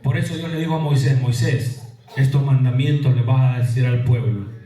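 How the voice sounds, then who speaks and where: A pastor preaches a sermon in a church hall, posing questions to his congregation and answering them himself in call-and-response fashion. His voice is mid-range, warm and steady at a moderate pace, recorded from far off with an echo.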